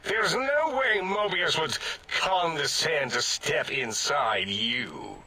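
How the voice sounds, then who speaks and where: Pompous mad scientist, bright raspy voice. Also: male voice, a little high, big pitch swings, slow, dry recording, full character voice. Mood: indignant. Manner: pompous, theatrical, overblown diction. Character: haughty, excitable mad scientist, a brain in a machine. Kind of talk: video game character acting.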